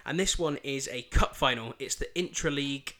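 Male podcast host, thick Yorkshire accent, football fixture preview, mid-pitched voice, informal and chatty. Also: moderate pace, bright, forceful tone. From Bridlington, East Yorkshire, England. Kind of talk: podcast fixture preview, part scripted, part casual chat.

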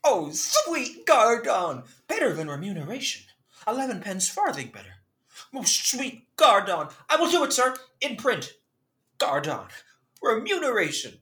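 A simple, greedy rustic servant, played by a stage actor, who savors each word with comic relish. His bright voice swings widely up and down. He sounds like a clown from a Shakespeare play. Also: mid-range voice, sing-song, moderate pace. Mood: delighted.

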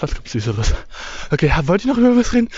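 A man's voice: a little high, big pitch swings, fast talker, a little mellow, breathy edge, no echo, muffled recording. A young man talking casually while walking through a forest, slangy and rambling, a bit out of breath. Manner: slangy, mixes English words, rambling. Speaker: vlogger. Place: outdoors in a forest.

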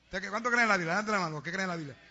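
A man preaches with fervor, calling out to the congregation and urging them on. His voice sits high and cuts through, sharp and bright. The recording is dull and lo-fi. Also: very fast. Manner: fervent, exhorting, preaching to a congregation. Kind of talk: sermon. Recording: dull lo-fi sound.

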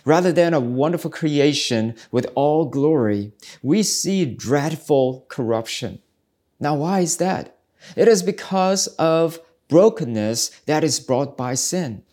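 A man from South Korea hosts a ministry podcast, giving an earnest, reflective devotional talk in a searching, preacherly manner. His voice is on the high side, animated and warm in tone, and he speaks slowly.

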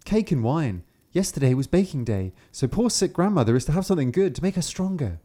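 A man voicing an innocent, trusting young girl in a high, sing-song manner. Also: very animated, a little fast, dark tone. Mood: chirpy.

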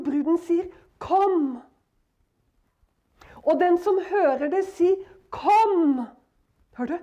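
A woman with a Norwegian accent preaching a sermon in earnest, moving from loud calls to soft whispers, with laughing asides. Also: extremely high pitch, highs cut off.

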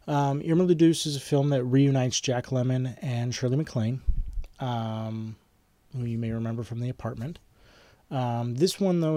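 Mellow-voiced man giving a rambling lecture. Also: medium pitch, no room sound. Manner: rambling, with many ums and restarts. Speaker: film studies lecturer. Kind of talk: informal online lecture.

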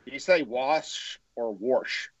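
A man's voice: on the low side, slow pace, muffled recording, a loud crowd. A man co-hosting a casual podcast discussion, speaking in a plain, brief, understated way. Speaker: podcast co-host.

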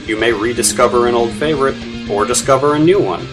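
A man presents a scripted podcast promo at a middling pitch. Guitar music runs clearly behind his voice. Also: quick pace.

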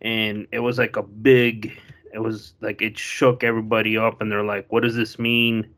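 A man's voice: fairly low pitch, flat delivery, normal speed, a bit bright. A man co-hosting a podcast, talking casually and explaining things at length with many restarts. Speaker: podcast co-host.

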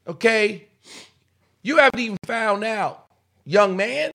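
Emphatic high-voiced man in his fifties. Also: fairly bright tone. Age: 50s. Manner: emphatic, repeats "okay?" often, acts out quotes. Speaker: guest. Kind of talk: animated storytelling in a podcast chat.

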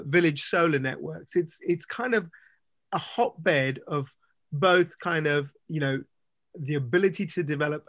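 A man's voice: a little high, fairly bright tone, no room sound. A man hosting an interview podcast, talking in a loose, rambling way with many fillers. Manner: rambling, full of "sort of" and "you know". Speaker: podcast host.

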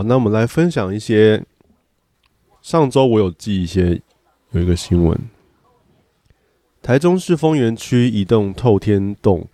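Low-voiced man reading news. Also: dark tone, no room sound. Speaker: podcast co-host. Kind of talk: casual chat, reading news items aloud.

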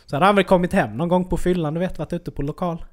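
A man co-hosting a podcast, chatting casually, reacting to others and telling an anecdote. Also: sits high. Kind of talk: casual chat.

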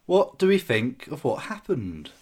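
Man, film reviewer, podcast co-host, opinionated, lively, animated intonation. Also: mid-range voice, a little slow. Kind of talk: scripted film review, then casual chat.

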